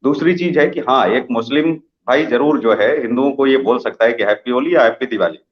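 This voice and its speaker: Brief: male news interviewer, mid-pitched, pushes rhetorical questions, roomy dull broadcast sound. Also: a little fast. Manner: argumentative, long rhetorical questions. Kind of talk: opinionated live TV interview.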